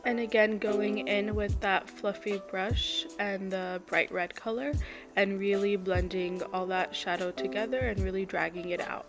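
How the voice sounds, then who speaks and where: A young woman in her twenties, a beauty vlogger, chats through a step-by-step makeup tutorial voice-over and apologizes now and then. She sounds a bit congested and nasal, with a mid-range voice, fairly even intonation, and a measured pace. Background music plays.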